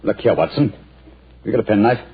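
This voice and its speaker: An actor playing Sherlock Holmes, a brisk, commanding detective, in a 1940s radio play. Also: male voice, fairly low pitch, steady tone. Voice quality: crisp, clipped and authoritative. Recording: muffled old 1940s radio broadcast.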